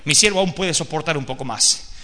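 A man's voice: a little high, fairly quick, pushed and bright. A man voicing a firm, commanding God on a throne. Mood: urging. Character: God, majestic and patient father on a throne. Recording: echoey hall.

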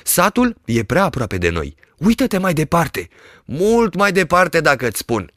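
A man's voice: fairly high pitch, wildly swooping pitch, a bit bright, dry recording, clean studio sound, voice pushed up. A man voicing a persuasive traveling peddler at a fair in an audiobook reading, with a coaxing, salesman-like manner.

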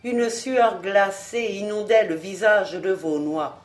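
Slow, measured woman audiobook narrator. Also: medium pitch, fairly even intonation, faint music behind. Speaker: audiobook reader. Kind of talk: scripted narration.

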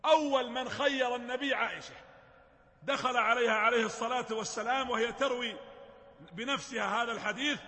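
Guy giving a religious lecture, tells it like a story w/ jokes on the side, really high voice, long hall echo. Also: brisk, pushed and bright. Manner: retells sacred history with colloquial explanations and humorous asides.

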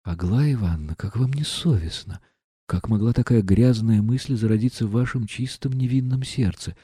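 A male reader voicing a gentle, earnest young prince in an audiobook, pleading and sincere. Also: lowish voice, normal speed, slightly rough, no room sound, studio quality. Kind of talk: audiobook reading.

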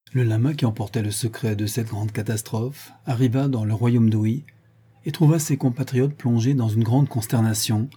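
Male audiobook narrator, very dark husky tone, measured storytelling. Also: medium pitch. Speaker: audiobook reader. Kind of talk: scripted narration.

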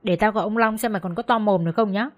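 A woman's voice: mid-range voice, very fast, lightly acted. A woman voicing a spiteful, jealous hostess who sneers and taunts in an audiobook story. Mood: sneering.

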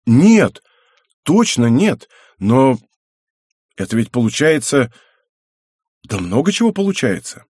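An eager young man who jumps in quickly, then hesitates. A man voices him in a close, dry audiobook read. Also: mid-range voice, sing-song, a little mellow, slightly rough, no echo.

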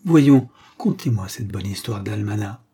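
A man's voice: fairly low pitch, animated, unhurried, vocal fry, warm tone, slightly rough, exaggerated voice. A man reading an audiobook, voicing a poised young woman traveler who speaks with cool, amused assurance. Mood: mocking.

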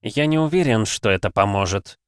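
A man voicing a soft-spoken, sardonic older male cardinal in an audiobook. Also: on the low side, animated, brisk, clean tone, no echo, studio quality, close to an everyday voice.

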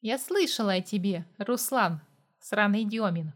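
A woman voicing a sharp-tongued, defiant young woman who snaps back with contempt in a spoken story. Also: mid-range voice, a little slow, close to an everyday voice. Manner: snapping, contemptuous.

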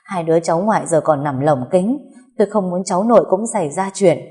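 A woman voicing an elderly grandmother who sobs while shouting in shrill anguish. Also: a little fast, slightly rough, big-room sound. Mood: anguished, furious. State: sobbing. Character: elderly grandmother, wailing and furious.

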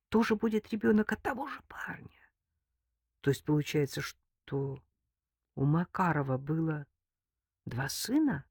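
A woman narrating an audiobook in an even, measured reading. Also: sits low, no echo, clean studio sound. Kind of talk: scripted narration.

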